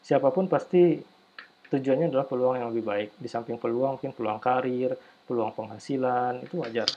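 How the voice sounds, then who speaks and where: Man, lecturer, casual chatty lesson, mid pitch, dull lo-fi recording. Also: brisk, very noisy. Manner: loose, chatty, with fillers and demonstrations.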